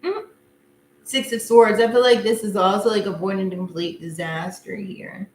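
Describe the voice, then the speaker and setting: A woman's voice: mid-range voice, moderate pace, a little mellow. A woman hosting a live tarot reading, chatting casually with her viewers and laughing often. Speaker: tarot reader. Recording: echoey room with faint noise.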